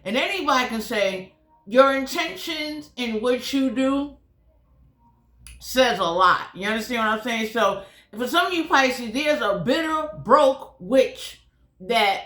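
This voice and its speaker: With whitening trays in her mouth, a channel host delivers a blunt, casual tarot reading in everyday language. She speaks a little slowly, with a slightly high, fairly bright voice and lively intonation, in an echoey, roomy recording.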